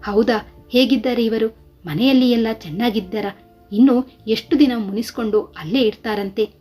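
Woman reading as a hurt young wife, husky. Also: on the high side, moderate pace, a little mellow, faint music behind, close to an everyday voice. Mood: pleading. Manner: pleading, questioning.

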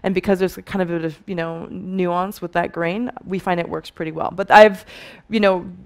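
A woman's voice: lowish voice, fairly even intonation, moderate pace. A woman in her thirties giving a conference presentation as a film colourist, thoughtful, with many fillers and restarts. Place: dim stage with dark backdrop.

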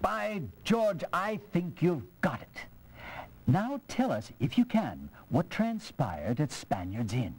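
Brief: a booming judge, wildly swinging pitch. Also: male voice, wildly swooping pitch, slow, slightly rough, heavily acted. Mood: hearty. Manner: booming, hearty, formal. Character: jovial English court judge. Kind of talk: video game voice acting.

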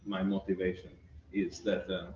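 A young Hungarian researcher with a Hungarian accent answers interview questions thoughtfully, pausing often and using fillers. His voice is low, monotone, and darkish. A far camera records him across an office room by a window, so the sound is roomy, distant, and muffled with faint hiss.

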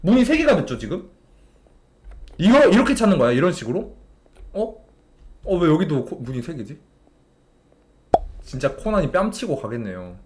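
Exasperated high-voiced male game streamer. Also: sing-song, moderate pace, long pauses, darkish tone, slight background noise. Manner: exasperated, talks to a game character and chat. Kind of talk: live gameplay commentary to chat.

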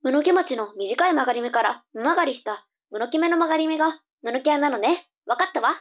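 A woman's voice: high-pitched, animated, quick pace. A woman playing a cheeky young girl, a sassy little sister, with cute anime delivery in a tongue-twister audio drama. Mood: breezy.

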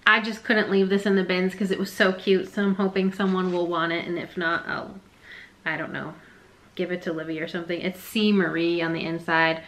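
Chatty bright-voiced woman vlogging. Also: lowish voice, steady tone, a little fast, poor audio. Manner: rambling, self-deprecating, chatty. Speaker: reseller vlogger. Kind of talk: casual haul vlog.

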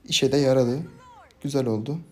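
A young man commentating his own gameplay for a video, swinging from calm play-by-play to frustrated outbursts at his teammates. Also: medium pitch, normal speed. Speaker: gaming YouTuber.

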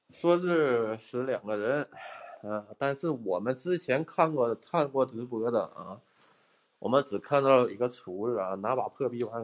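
A young man hosts a ghost-hunting livestream from inside an abandoned house. He talks straight to his viewers in a loose, joking way and puts on bursts of mock outrage. His voice comes through a handheld phone. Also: mid-range voice. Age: young adult. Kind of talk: casual livestream chat.

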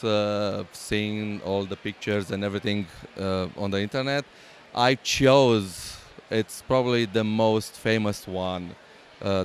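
In a relaxed interview at a convention hall, a man from Romania who exhibits his LEGO creations describes his build haltingly in accented English, restarting often and using many fillers. His pitch is fairly low, and there's a little hiss or hum in the audio.

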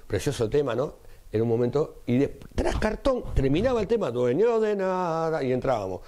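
Man, Rioplatense accent, animated anecdote, lively swooping pitch, mellow tone. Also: brisk. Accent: Rioplatense Spanish. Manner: lively storyteller, acts out dialogue in shifting voices. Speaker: interview guest, carnival performer.

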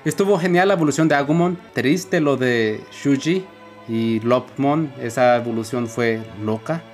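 Casual gaming man over loud music. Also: medium pitch, measured pace. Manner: casual and chatty, signs off informally. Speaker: let's play host. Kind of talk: gameplay commentary, reading dialogue aloud. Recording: loud game music underneath.

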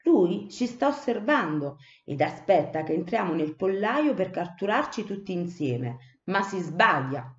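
A woman's voice: lowish voice, big pitch swings, measured pace, few pauses. A woman voicing a clever, bossy young male sparrow who leads the flock, speaking in an urgent, commanding voice. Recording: echoey room, dull muffled sound.

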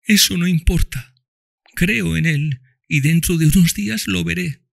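A man voicing a frail, devout little girl who speaks softly and tenderly. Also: a little slow, gravelly, exaggerated voice. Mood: earnest. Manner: soft, tender high voice.

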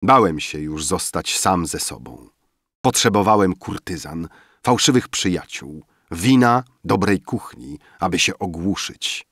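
Deep, slow male audiobook narrator. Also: no echo, clean studio sound. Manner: measured, expressive literary reading. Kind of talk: scripted narration.

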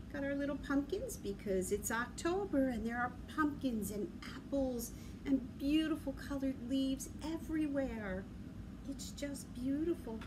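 Here a high-pitched, middle-aged woman hosts a library story time, talking young children through rhymes and action songs with easy, encouraging instructions. Large windows line the indoor room. A camera a few feet away records her, and the room ambience is clearly noisy.

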